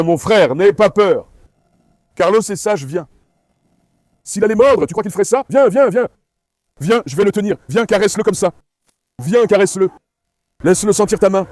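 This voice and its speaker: Guy with a high voice hosting a dog vlog outside, keeps coaxing and repeating himself, dry sound. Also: a little mellow, no room sound. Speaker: dog channel host. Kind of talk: casual vlog chat. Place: outdoors at an industrial site.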